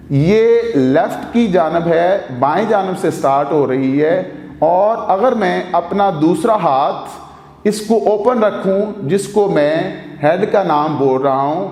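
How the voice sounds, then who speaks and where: Slow, high-voiced male teacher, echoey room. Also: darkish tone. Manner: patient, repeats each point step by step; formally addresses viewers. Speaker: Chinese language teacher. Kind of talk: video lesson explanation. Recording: echoey room with long reverb.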